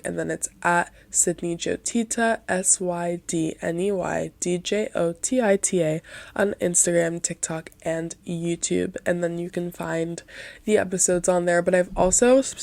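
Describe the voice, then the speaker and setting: A young woman with a cold, hosting a solo podcast in a nasal, softened voice, talking in an encouraging, rambling way with many "you know"s. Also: fairly low pitch, vocal fry, no echo. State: sick, nasal voice. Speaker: podcast host.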